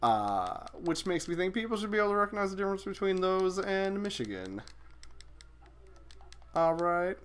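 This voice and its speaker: A man's voice: sits high, big pitch swings, normal speed, pauses often, fairly bright tone, clean tone. A young man casually chatting with viewers while streaming a video game, swearing and exclaiming as he plays.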